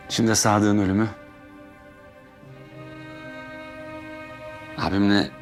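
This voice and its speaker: An actor playing a younger brother and son who leads his family, intense and reproachful, his voice rising to shouts. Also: low voice. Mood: grieving. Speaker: family leader in a TV drama. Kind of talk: TV drama acting. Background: dramatic music score.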